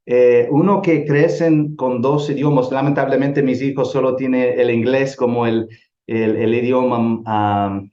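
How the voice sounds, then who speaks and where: An earnest middle-aged man from El Salvador lectures to a church group on missions, stopping and restarting his phrases as he thinks. His voice is mellow and dark. The recording sounds roomy and a little dull. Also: mid-range voice. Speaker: missions teacher.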